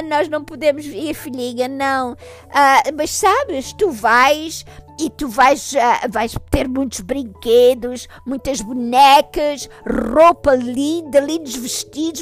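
A woman voicing a tender old grandmother, gently coaxing and reassuring. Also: high-pitched.

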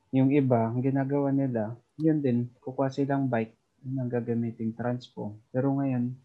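A man from the Philippines talks casually as a podcast guest about life working abroad, chuckling now and then. His voice sits at an ordinary pitch, and the recording sounds dull and lo-fi. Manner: chatty, chuckles while talking. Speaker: overseas worker guest.

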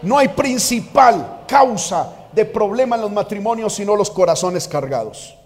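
High-voiced preacher in a reverberant hall. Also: male voice, expressive, unhurried. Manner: fervent, swings from quiet asides to shouted exhortation. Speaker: pastor. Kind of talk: sermon.

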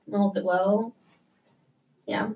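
A young American woman speaks in a loose, casual interview style, chatty and full of "like" and small restarts. Her middle-range voice is a little mellow and creaky, with a flat delivery at a measured pace. She sounds slightly set back and distant from the mic, and the audio is poor.

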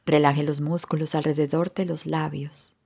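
A woman yoga instructor guiding a yoga nidra relaxation with soft, calm instructions. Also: low-pitched, moderate pace, vocal fry, slightly rough, muffled recording.

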